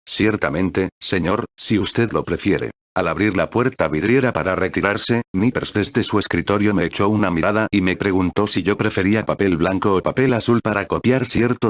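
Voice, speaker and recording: A man reading a classic story aloud in measured, steady narration. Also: sits low, no echo.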